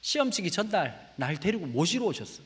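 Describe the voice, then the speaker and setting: A man with a Gyeongsang accent preaches a testimony, his voice rising into loud, high bursts and then dropping to hushed asides. His tone is a little husky and sits somewhat high for a man. The church sanctuary gives a long, hanging reverb. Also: fairly quick. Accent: Gyeongsang Korean. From Gyeongsang region, Korea. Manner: animated storytelling, swings between loud exclamations and hushed asides. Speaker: guest preacher. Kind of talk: sermon with personal testimony.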